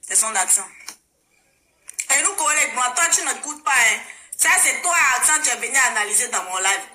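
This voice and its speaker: A woman's voice: on the high side, lively intonation, moderate pace, bright, forceful tone. A woman from Togo with a Togolese French accent, talking casually and emphatically on her live stream, rallying people and repeating phrases. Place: living in Germany. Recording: roomy echo.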